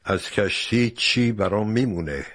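A man voicing a hot-tempered ship captain in a storybook reading, shouting raised and high. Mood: placated. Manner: shouting angrily, then calmer.

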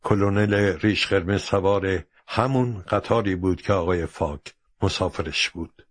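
A man narrating a storybook in a steady, measured way. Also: low-pitched, no room sound.

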